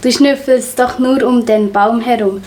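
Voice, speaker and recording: A woman voicing an irritable, quick-tempered orphan girl in a children's story. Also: on the high side, steady tone, darkish tone, natural voice, poor audio. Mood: impatient. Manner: irritable, snapping.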